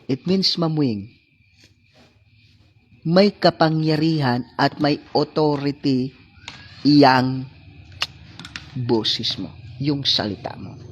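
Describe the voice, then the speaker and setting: A preacher with a Filipino accent delivers a sermon at an unhurried, deliberate pace. The voice is husky, and key lines are repeated over and over for emphasis. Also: medium pitch. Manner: repeats phrases for emphasis, calls out listeners; mixes English with Tagalog and Cebuano.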